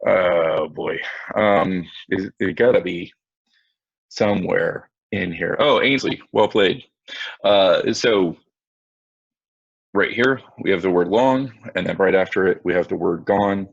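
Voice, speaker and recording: Gravelly male teacher on a lo-fi call. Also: low voice, a little slow, no echo. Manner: casual, self-mocking, talks to students directly. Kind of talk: online class lesson. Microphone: computer mic on video call. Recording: dull lo-fi video call audio.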